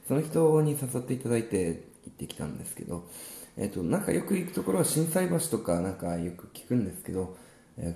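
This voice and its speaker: A man co-hosting a casual podcast chat, telling about his gigs in a relaxed, rambling way with many fillers. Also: lowish voice, creaky, echoey room. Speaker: musician co-host.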